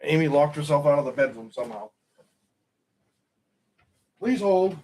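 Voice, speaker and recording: A middle-aged man hosting a stream talks expressively about football at a moderate pace, rambling, opinionated and frequently self-correcting. His voice is fairly high, darkish in tone, with a breathy edge.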